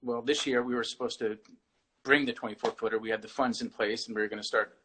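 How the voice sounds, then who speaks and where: A man's voice: mid-range voice, fairly even intonation, fast, fairly bright tone, a little hiss or hum, low-quality recording. A man, an artist, talking casually as a guest on a video-call interview, rambling and often restarting his phrases.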